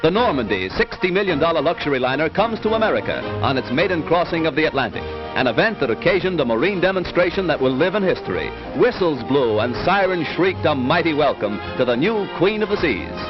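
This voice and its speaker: A man with a fairly high voice narrates a 1940s newsreel in an emphatic, rousing, declamatory style, fairly quick and with big swings in pitch. The old soundtrack is dull, lo-fi film audio with music playing in the background.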